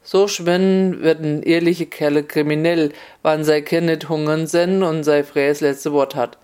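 Relaxed and wry, a storyteller tells a comic folk tale. The pitch sits in the middle, the pace is even and unhurried, and the tone rings clear and resonant.

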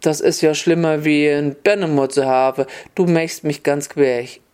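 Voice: mid-range voice, steady tone, measured pace, a little mellow, clear, resonant tone, natural voice. Storyteller as a stern official woman, scolding, plain everyday voice.

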